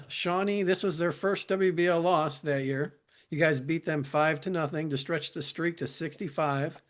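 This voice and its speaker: A man hosting a podcast, reading out game stats in short bursts and asking the guests questions. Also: fairly high pitch. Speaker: podcast host.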